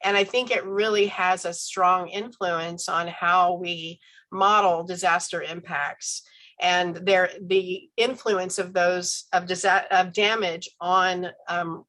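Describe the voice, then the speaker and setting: A university professor gives an online lecture while stuffy and congested from a head cold. Her voice is on the low side and a bit bright, and she speaks conversationally, with ums and self-corrections.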